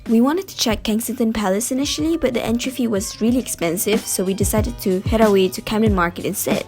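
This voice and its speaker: A woman's voice: fairly high pitch, fast, darkish tone. A young woman, giving a chatty, playful voice-over narration for her travel vlog. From Malaysia. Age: 20s. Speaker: vlogger. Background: music.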